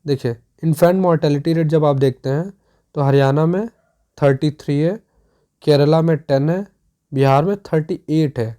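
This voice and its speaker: A teacher giving a step-by-step exam revision lesson. The teacher often pauses to check that students follow. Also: mid-range voice, dark tone. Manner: explains step by step with many checks for understanding.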